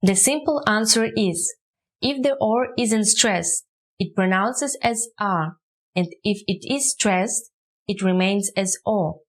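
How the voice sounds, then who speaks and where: A woman's voice: medium pitch, slow pace, low-quality recording. A woman whose first language is Russian, teaching a short language lesson and spelling words out syllable by syllable. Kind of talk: slow, careful language lesson.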